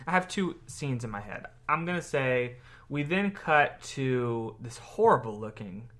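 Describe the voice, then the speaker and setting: Bright-voiced man rambling casually. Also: medium pitch, animated, a little slow. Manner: rambling, many fillers and restarts. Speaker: podcast co-host. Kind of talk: casual chat.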